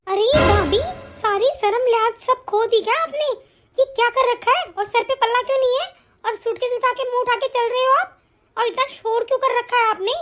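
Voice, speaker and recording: A woman voicing a young sister-in-law in an animated story, with a snippy, accusing tone. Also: very high-pitched, normal speed, a little hiss or hum, voice pushed up.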